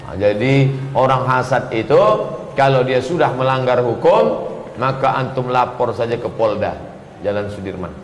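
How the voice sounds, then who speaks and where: A man's voice: mid-range voice, normal speed, a little hiss or hum. A man preaching, reading questions aloud and answering them with jokes. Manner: animated, joking, reads questions aloud and answers. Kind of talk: sermon Q&A. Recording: echoey hall with faint ambience.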